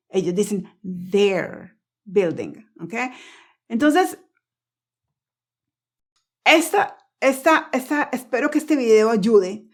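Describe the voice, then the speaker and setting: A woman who speaks Spanish as her first language, giving a casual pronunciation lesson. She repeats herself, checks in with the listener often and slows right down to model example phrases. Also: medium pitch. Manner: chatty, repeats words, asks "¿ok?" often. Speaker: English pronunciation teacher.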